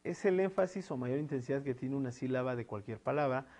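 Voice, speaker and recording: Un hombre con acento mexicano que da una clase grabada de gramática, explicando paso a paso con muletillas como "eh" y "este" y preguntas como "¿no?". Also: male voice, mid-range voice, fairly quick, darkish tone. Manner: explanatory, with frequent fillers "eh" and "este" and tag "¿no?". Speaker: teacher. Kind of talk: recorded online lesson.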